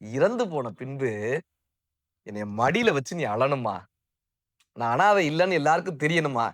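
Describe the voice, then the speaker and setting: A man's voice: a little high, sing-song, normal speed, a bit bright, no room sound, studio quality. A man voicing a generous dying male warrior, solemn and humble as he pleads. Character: generous dying warrior Karna asking a boon.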